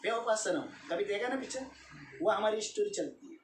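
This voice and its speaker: A man's voice: sits high, moderate pace. A man preaching a sermon as a pastor, repeating his points emphatically and asking the congregation questions. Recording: echoey room, voice from a distance, faint hiss.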